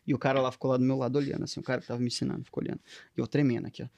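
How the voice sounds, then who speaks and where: A man's voice: medium pitch, flat delivery, very fast, creaky, highs cut off, a loud crowd. A young man with a Minas Gerais accent, a tattoo artist telling stories in slangy, casual podcast chat. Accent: Minas Gerais Portuguese. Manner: slangy storytelling.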